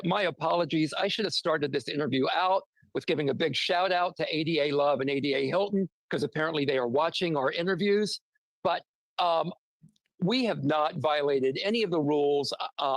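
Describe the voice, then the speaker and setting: A man with a fairly high voice gives interview answers as a defense lawyer. He argues his case emphatically, using rhetorical questions. The sound is dry, with little room to it. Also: dry recording, low-quality recording. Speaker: defense attorney being interviewed. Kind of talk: remote news interview. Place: near a road with passing traffic.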